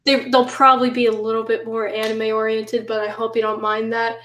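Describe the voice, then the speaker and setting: High-voiced woman in an echoey room. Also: little pitch movement, brisk, a bit bright. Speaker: horror host guest. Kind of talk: casual chat. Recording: roomy, echoing sound.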